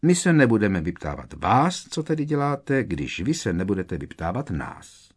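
A man's voice: fairly low pitch, very animated, breathy edge. A man reading aloud, voicing a worried teenage boy wizard who speaks urgently and with emphasis.

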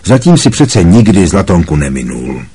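A man reading a brisk teasing teenage boy. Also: deep voice, big pitch swings, dark tone, slightly rough, exaggerated voice.

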